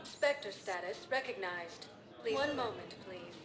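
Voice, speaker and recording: A woman voicing a calm automated elevator announcer in a game, giving slow, even, polite announcements. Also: mid-range voice, crowd noise. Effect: calm computer announcement voice. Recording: roomy echo over loud music. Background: loud game music.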